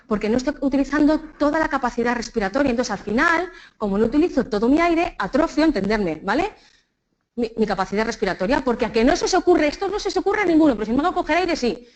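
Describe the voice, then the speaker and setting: Spanish woman trainer, quite high voice, lively talk to a room full of people, keeps asking "ok?". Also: low-quality recording. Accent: Spain Spanish. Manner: lively, keeps checking in with the audience. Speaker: public speaking trainer. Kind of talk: live talk with audience exercises. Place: conference room with an audience.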